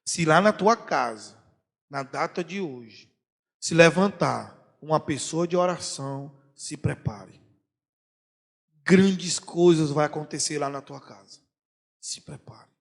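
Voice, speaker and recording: A man preaching a sermon as a pastor, animated, acting out prayers and talk in comic voices. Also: a little high, slow, vocal fry. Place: church hall. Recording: long church hall reverb.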